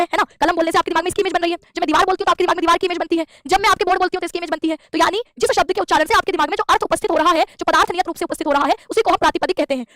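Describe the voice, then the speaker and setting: A woman delivers an exam-prep grammar lecture in a very high voice at a racing pace. She explains step by step and keeps asking and answering her own questions. The sound is dry and close-miked. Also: fairly bright tone, dry recording. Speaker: Sanskrit grammar teacher. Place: classroom with a board.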